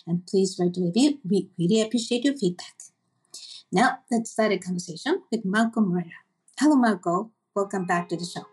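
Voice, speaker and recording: A woman hosts an interview podcast with a soft, breathy voice at a middle pitch. She reads her introduction steadily from a script and then moves on to short, friendly questions for her guest. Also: a little fast. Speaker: podcast host.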